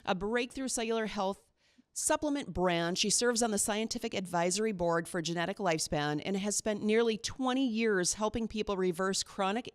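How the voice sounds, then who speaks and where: A woman's voice: medium pitch, dry recording, studio quality. A woman hosting an interview podcast, upbeat and enthusiastic. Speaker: podcast host. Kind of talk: casual interview chat.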